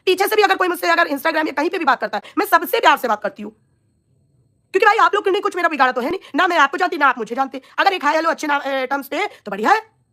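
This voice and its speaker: A woman's voice: extremely high pitch, animated, fast, bright, forceful tone. A woman with a scratchy, coughing throat ranting on a live stream, scolding and insulting a rival in a heated voice. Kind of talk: angry live-stream rant at viewers.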